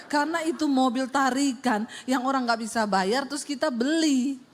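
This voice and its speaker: A woman's voice: sits high, normal speed. A middle-aged woman pastor, telling funny stories in a sermon and acting out voices and sounds. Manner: animated, acts out voices and sound effects. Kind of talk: humorous sermon storytelling.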